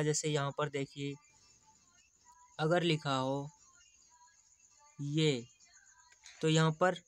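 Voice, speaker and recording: Slow male teacher. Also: fairly high pitch, smooth, no room sound. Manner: slow, explains patiently, repeats examples. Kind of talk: teaching English pronunciation in Hindi.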